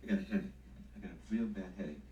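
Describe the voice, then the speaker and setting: An actor playing an evasive, edgy husband in a television soap, hesitant and stammering. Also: male voice, low voice, rapid-fire, mellow, dull audio, close to an everyday voice. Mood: uneasy, defensive. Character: evasive, edgy husband dodging his wife's questions. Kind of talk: television soap opera acting. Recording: roomy, distant, hissy 1970s TV soundtrack.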